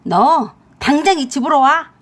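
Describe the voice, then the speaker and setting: A woman voicing a coarse, hot-tempered middle-aged mother-in-law who scolds at full shout, reading a storybook tale. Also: medium pitch, lively intonation, normal speed, slightly rough. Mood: furious.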